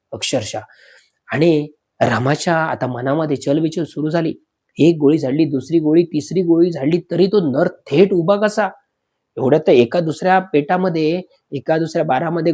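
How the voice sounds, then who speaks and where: A man narrating a spoken horror story, dramatic, calling his listeners friends, with pauses and fillers as he slows for suspense. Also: a little high, warm tone, breathy edge.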